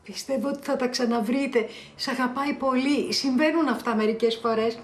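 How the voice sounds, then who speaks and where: A woman's voice: high-pitched, a little hiss or hum, natural voice. An actress playing a doting mother comforting her grown son, soothing and fussy. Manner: soothing, fussing. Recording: roomy echo.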